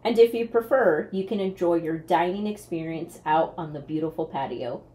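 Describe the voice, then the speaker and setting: A woman's voice: fairly low pitch, normal speed, warm tone, soft background music. A woman co-hosting a local promotional video, reading an inviting scripted voice-over. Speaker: real estate agent host.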